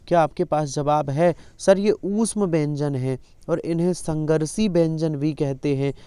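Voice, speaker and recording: A man's voice: fairly high pitch, dark tone, clean tone, dry recording. A male teacher running an exam-prep lesson, repeatedly coaxing students to answer his questions.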